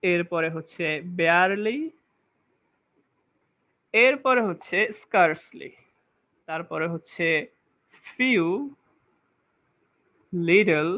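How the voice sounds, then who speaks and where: High-voiced man teaching grammar. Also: drawn-out words, long pauses. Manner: explains step by step, often checks understanding with questions. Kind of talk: classroom lecture. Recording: dull lo-fi recording.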